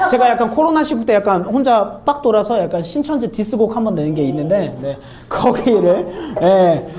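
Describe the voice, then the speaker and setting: A woman in her thirties, a pastor, preaching a casual sermon in a lively, joking storytelling way. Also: on the high side. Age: 30s. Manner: lively, joking, acts out quoted voices.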